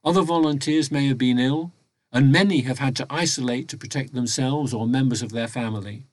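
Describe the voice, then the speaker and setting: A man reads a prepared report in a measured, formal way, recording at home inside a wardrobe. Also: mid-range voice, a little mellow, dry recording. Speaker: volunteer reporting to members of a local talking newspaper. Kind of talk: prepared spoken annual report, read aloud. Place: home recording inside a wardrobe, close and muffled by soft surroundings.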